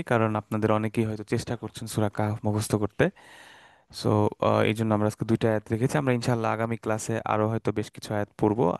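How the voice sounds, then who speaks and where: This Bangladeshi Quran Arabic teacher has a lowish voice, recorded without echo in a dry room. During his online lecture, he explains things casually, using fillers and asides.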